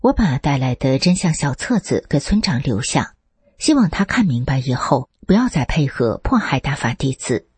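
A woman reading a first-person account as scripted narration, lifting her pitch for quoted speech. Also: very animated, moderate pace, a little mellow, slightly rough, dry recording. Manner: reads steadily, lifts the pitch for quoted speech.

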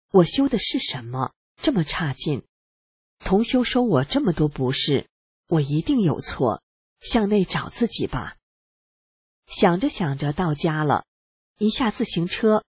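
A reader calmly and earnestly narrating a personal account in the first person, with a husky voice. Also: mid-range voice, dry recording. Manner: calm, earnest reading.

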